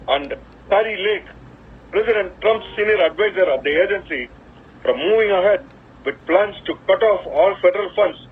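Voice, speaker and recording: A man's voice: sits high, breathy edge. A man from India with a South Indian accent, hosting a scripted radio news digest over a shortwave radio transmission. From Chennai, India. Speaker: radio program host. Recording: tinny, phone-like shortwave digital radio reception.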